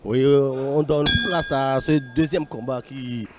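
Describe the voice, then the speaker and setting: Mid-pitched man giving hesitant fight commentary. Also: steady tone, slow, over loud music. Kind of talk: unscripted live sports commentary.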